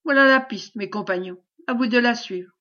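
Woman reader doing a curt, greedy knight giving orders; slightly high, muffled audio. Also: normal speed, pushed and bright. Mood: commanding. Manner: brusque, ordering. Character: commanding male knight, greedy and stubborn.

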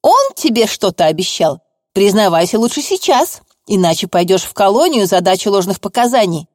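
A woman voicing a stern older female court assessor who bullies a witness in a shrill, pushy tone. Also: big pitch swings, normal speed, a little mellow, no echo, studio quality. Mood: bullying. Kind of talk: audiobook reading.

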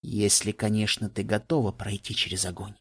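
Bubbly female pony, high sing-song lilt, read by a man. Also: level tone, moderate pace, husky. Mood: ominous. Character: cheerful female pony, bubbly party girl. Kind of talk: fan audiobook reading.

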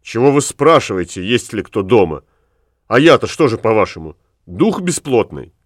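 A gentle peasant mother from an old storybook, soft and coaxing, a touch higher and quieter than the narration around her, as a male reader puts her on. Her voice is hushed, unhurried and fond. It is recorded close and dry, with no room around it. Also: very animated, dry recording. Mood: indignant. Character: kind-hearted peasant mother, tender and scolding. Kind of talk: audiobook character reading.

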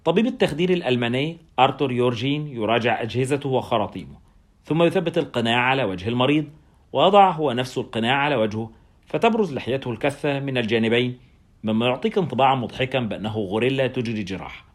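Fast-reading male audiobook narrator. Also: mid-range voice, lively intonation. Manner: brisk, wry storytelling. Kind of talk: first-person audiobook narration.

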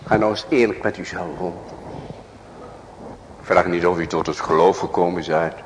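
A male pastor preaching a sermon in a church, swinging from loud cries to hushed whispers and asking many rhetorical questions. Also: low voice, normal speed, long reverb tail, slight background noise.

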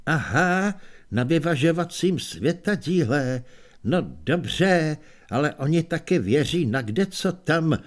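A man voicing a nervous, cowardly wizard who speaks in a measured, anxious way. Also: a little high, expressive, lightly acted. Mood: uneasy.

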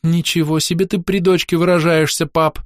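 A man's voice: fairly high pitch, flat delivery, moderate pace, no echo, clean studio sound, pitched above the performer's own voice, close to an everyday voice. A man voicing a blunt, chatty young girl, the narrator's daughter, telling what she saw in a childlike way. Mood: cheeky.

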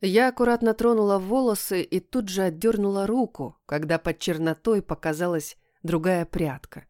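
A woman reading a first-person story aloud in an even storytelling voice. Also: medium pitch, normal speed, no room sound, clean studio sound. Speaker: audiobook narrator.

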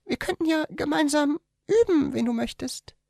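A man voicing a shy, gentle young woman in a strained high falsetto, speaking softly like a lover in a read-aloud story. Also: lively intonation, normal speed, creaky, dry recording, studio quality, full character voice. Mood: tender.

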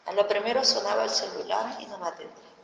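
A woman's voice: mid-range voice, fast, gravelly, a bit bright. Emotional middle-aged Argentine woman. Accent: Argentine Spanish. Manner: emotional retelling, voicing remembered dialogue. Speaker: interviewee, mother of a missing daughter. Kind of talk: personal testimony. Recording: echoey hall with faint noise.

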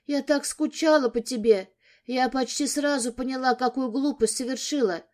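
A woman's voice: high voice, normal speed, darkish tone, natural voice. A woman voicing a guilty, tearful, impulsive teenage daughter who pleads for forgiveness in an audiobook story. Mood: pleading, tearful.

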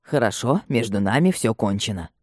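Непреклонная гордая пожилая мать холодно и властно ставит ультиматум, её читает мужчина. Голос тёмный и мягкий, запись сухая и близкая. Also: male voice, lowish voice, expressive, normal speed, a little mellow, dry recording, studio quality. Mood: stern. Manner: cold, imperious. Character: proud stern elderly mother, unbending.

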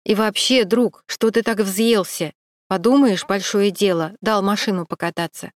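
A woman's voice: medium pitch, moderate pace, no room sound, close to an everyday voice. A woman voicing a nervous male security guard who mumbles, pleads and dodges.

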